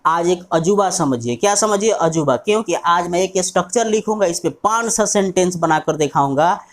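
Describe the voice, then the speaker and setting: A man's voice: high-pitched, expressive, moderate pace. Indian man teaching English step by step. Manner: explains step by step, spells words letter by letter, repeats questions to the class. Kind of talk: online English lesson.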